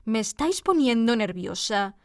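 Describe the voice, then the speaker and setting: A tyrannical Queen of Hearts voiced by a woman reading aloud barks shrill, high orders in a storybook reading. Her raised, pitched-up voice stays bossy and impatient, recorded close and dry. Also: very animated, normal speed, dry recording. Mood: furious. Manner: shrill shouting commands. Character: furious imperious Queen of Hearts, adult woman.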